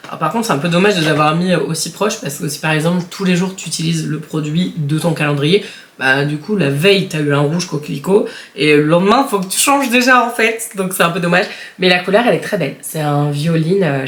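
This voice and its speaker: A chatty woman vlogger talks straight to her viewers in a frank, expressive way, giving her opinion as she unboxes products. Her voice sits at a mid pitch. It was recorded on a camera mic in an echoey room at home, with faint noise underneath. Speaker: beauty vlogger. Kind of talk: casual unboxing chat.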